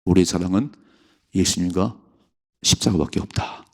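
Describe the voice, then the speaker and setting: A man pastor preaching a sermon at a church, emphatic, with sudden high exclamations. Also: moderate pace. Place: church sanctuary.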